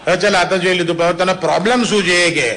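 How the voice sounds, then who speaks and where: A man telling adult jokes to a small group as a lively storyteller, dropping to a lower voice for characters' lines. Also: fast talker. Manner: lively storyteller, drops to a low voice for dialogue, laughs at own punchlines. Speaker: joke teller.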